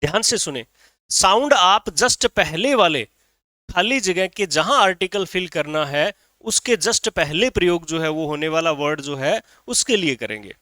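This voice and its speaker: A man's voice: fairly high pitch, animated, moderate pace, few pauses, bright, forceful tone, no echo, studio quality. A man teaching a grammar lesson in Hindi, who keeps saying "ठीक है" and asks and answers his own questions.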